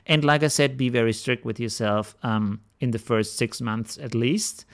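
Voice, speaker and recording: Male video host, mid-pitched, frank, chatty advice delivery with lots of "uh"s, English. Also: moderate pace. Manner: frank, animated, frequent fillers and restarts. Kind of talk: casual advice talk to camera.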